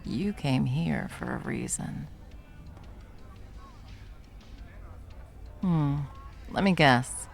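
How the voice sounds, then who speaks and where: In an ASMR roleplay, a woman plays a confident, protective, flirtatious bartender, speaking in a very low, fully in-character voice with vocal fry. The intimate, one-sided conversation is teasing and unhurried, with soft chuckles, moments that drop toward a whisper, and soft music in the background.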